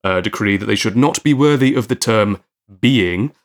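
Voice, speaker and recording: A man's voice: fairly low pitch, moderate pace. A young man jokily explaining lore as a podcast co-host. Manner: jokey, informative explainer. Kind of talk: casual group chat.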